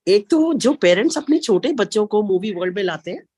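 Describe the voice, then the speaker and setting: Woman, sore throat, halting questioner; dry, close audio. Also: mid-range voice, lively intonation, a little mellow, slightly rough, no room sound. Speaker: audience member asking a question. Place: hill area, poor connection.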